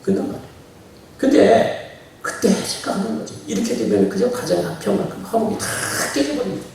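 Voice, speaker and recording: Animated male preacher in an echoey hall. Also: sits high, brisk, background noise. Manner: animated preaching, swings from quiet asides to shouting; laughs often, chatty and folksy. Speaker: pastor. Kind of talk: sermon. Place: church sanctuary. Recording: very echoey church hall, preacher heard from far off.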